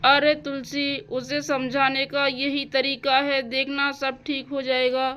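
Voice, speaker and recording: A woman's voice: high voice, flat delivery, slow pace, pushed and bright, heavily acted. Woman doing a soothing cartoon dad. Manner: soothing, reassuring. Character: calm indulgent father, Kittu's papa.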